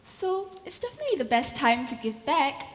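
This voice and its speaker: Woman playing an earnest high-voiced young heiress. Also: sing-song, brisk. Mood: upbeat. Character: earnest, eager young rich gallery daughter. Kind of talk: theatrical stage acting. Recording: echoey hall.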